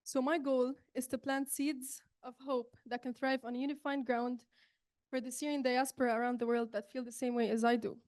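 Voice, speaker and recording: Young woman, student presenter, earnest, fairly high voice, fillers and restarts. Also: little pitch movement, normal speed, darkish tone. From Saudi Arabia. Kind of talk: presentation talk.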